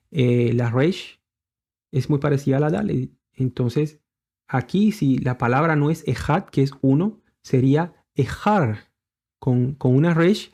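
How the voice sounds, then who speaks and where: A man teaches a scripture lesson in a mellow, relaxed voice. He explains patiently, stopping often with fillers and asking his listeners rhetorical questions as he points to letters on the screen. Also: mid-range voice. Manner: refers to letters shown on screen. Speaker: bible teacher. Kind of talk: religious teaching.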